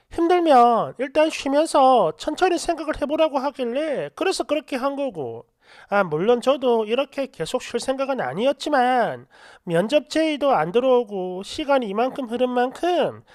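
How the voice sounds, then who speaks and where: A woman narrating a first-person story in an animated, aggrieved manner, speaking straight to the listener. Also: high-pitched, no room sound, studio quality.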